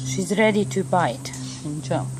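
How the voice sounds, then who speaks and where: A woman's voice: on the low side, measured pace. A woman filming her cat in the back yard, talking to it fondly and cooing at it in a casual way. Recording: loud outdoor background noise.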